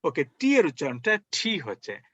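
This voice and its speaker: A man's voice: on the high side, lively intonation, moderate pace, pushed and bright, no room sound, dull audio. A man teaching English as a spoken lesson, coaxing his learners along with many rhetorical questions.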